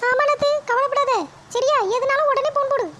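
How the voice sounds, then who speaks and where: A chatty young daughter-in-law in a cartoon, voiced by a woman. Her voice sits very high and squeaky above the performer's own. She sounds a little distant, with a faint hiss behind her. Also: flat delivery, a little fast, a bit bright. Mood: shrill chatter.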